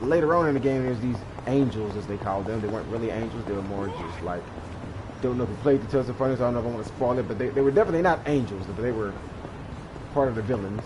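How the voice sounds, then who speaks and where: A man's voice: medium pitch, background noise. A man in his thirties giving casual let's-play commentary, rambling and laughing often as he acts out screams. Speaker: gaming YouTuber. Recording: game music behind voice.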